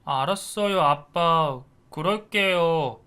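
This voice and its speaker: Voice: medium pitch, slow, sharp tone, clear, resonant tone. A man voicing a mischievous young boy who teases his older sister in a narrated story. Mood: flustered. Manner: teasing, whiny, stammering when caught. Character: cheeky mischievous young boy, little brother.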